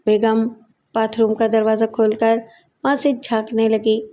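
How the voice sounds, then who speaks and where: A woman reading a crime story aloud as the voice-over narrator, in a steady storytelling manner. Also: fairly high pitch.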